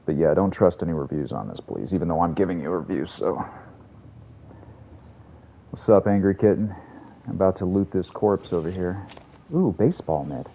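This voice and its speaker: A man's voice: low-pitched, animated, normal speed, long pauses, warm tone, muffled recording. A man streaming a video game, rambling and swearing casually as he talks to his chat. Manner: rambling, profane, chatty. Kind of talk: casual gameplay commentary to a live chat.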